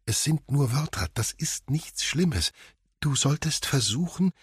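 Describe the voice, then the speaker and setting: A man voicing a caring, firm mother in an audiobook, soft and soothing. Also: mid-range voice, expressive, measured pace, slightly rough, no echo, studio quality, pitched above the performer's own voice. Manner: soft, soothing, turning sharp.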